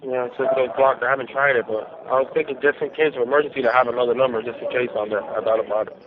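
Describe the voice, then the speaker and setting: A man calling from a jail payphone, chatting in a halting way that repeats itself, his voice muffled and distant on the line. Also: mid-range voice, steady tone, a crowd in the background. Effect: calling over a jail payphone line. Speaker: jail inmate calling home. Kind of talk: casual phone chat.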